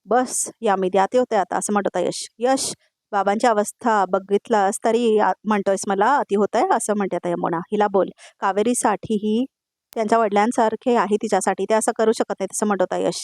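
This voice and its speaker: A woman's voice: medium pitch, steady tone, brisk, a little mellow, no room sound, clean studio sound. A woman giving a voice-over recap of a TV serial, retelling each scene's dialogue one line at a time and turning to address the viewers directly.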